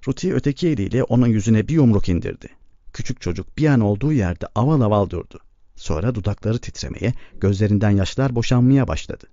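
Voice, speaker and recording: A man narrating an audiobook in a measured, even storytelling manner. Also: lowish voice, no room sound. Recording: dull lo-fi recording.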